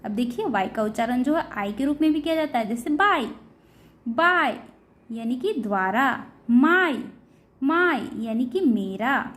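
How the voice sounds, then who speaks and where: A woman teaching a beginner English pronunciation lesson, addressing viewers as her dear children and drawing out each example word slowly. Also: high-pitched, lively intonation, a bit bright. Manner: slow, drawn-out word-by-word explanation.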